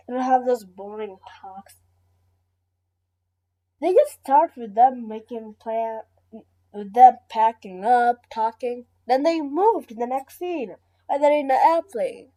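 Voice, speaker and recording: A woman's voice: fairly high pitch, warm tone. A woman reacting casually to a video, rambling and hesitant, often breaking into giggles.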